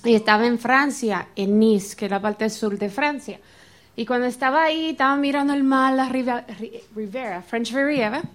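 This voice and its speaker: A high-pitched woman shares a personal story before a church group. She acts out each quoted exchange with lively vocal shifts, in an animated storytelling manner. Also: moderate pace. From Florida, United States. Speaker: church member sharing a testimony.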